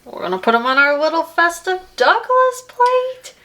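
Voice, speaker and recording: A woman's voice: very high-pitched, very animated, moderate pace, sharp tone. A woman chatting playfully while baking cookies at home for a vlog. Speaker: vlogger. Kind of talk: casual home vlog chat. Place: home kitchen.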